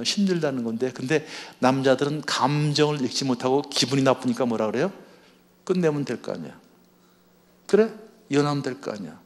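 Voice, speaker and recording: A man speaking at a church marriage seminar. He asks the audience questions and acts out what spouses say to each other. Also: medium pitch. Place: church hall before an audience.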